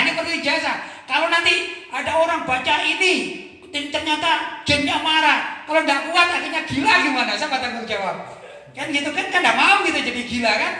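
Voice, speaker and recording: A man's voice: very high-pitched, pushed and bright. A man, an Islamic cleric giving a conversational religious question-and-answer lecture, often checking in with his listeners through rhetorical questions. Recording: echoey hall with long reverb.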